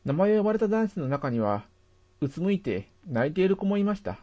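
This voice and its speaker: A man reads a personal story aloud as scripted narration, in a somewhat high voice that moves up and down freely. His tone is mellow and soft-edged, and his delivery stays measured and steady. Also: highs cut off.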